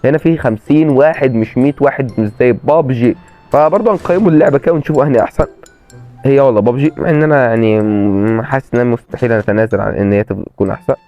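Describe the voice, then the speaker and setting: A man with an Egyptian accent commentating his own gameplay and repeating excited exclamations. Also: medium pitch, rapid-fire, dull audio, soft background music. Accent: Egyptian Arabic. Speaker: gaming channel host.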